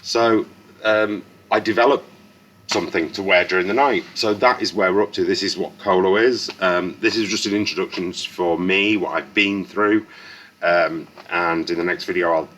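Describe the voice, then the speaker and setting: Man, fifties, very deep voice, frank halting vlogger. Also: fairly even intonation, fairly bright tone, a little hiss or hum. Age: 50s. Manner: frank, earnest, halting with restarts and swearing. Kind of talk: candid personal story to camera.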